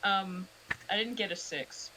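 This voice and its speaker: A woman's voice: medium pitch, a little slow, sharp tone, a little hiss or hum, low-quality recording. Australian woman playing a tabletop game. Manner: playful and giggly. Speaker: player.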